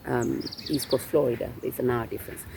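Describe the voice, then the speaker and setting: A man's voice: medium pitch, fairly even intonation, fairly quick, gravelly, darkish tone, slight background noise. A man being interviewed, explaining things patiently in a casual chat and laughing often. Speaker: guest.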